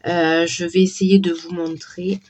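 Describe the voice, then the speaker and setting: Woman with a cold, sore throat, talks slow with lots of ums, casual card unboxing chat. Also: lowish voice, level tone, a little mellow, slight background noise. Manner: slow, hesitant, many fillers and restarts. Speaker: tarot and oracle card reviewer.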